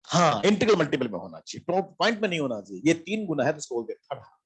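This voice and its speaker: Husky male teacher, fairly high voice, lecturing with repeated questions and answers. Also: big pitch swings, very fast. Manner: asks questions and answers them himself, repeats key terms. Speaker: physics teacher. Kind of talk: classroom lecture.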